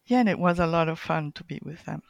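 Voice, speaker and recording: A woman's voice: low voice, fast talker, gravelly, no echo. Middle-aged woman from Chile and Colombia. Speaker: guest catechist. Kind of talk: casual interview.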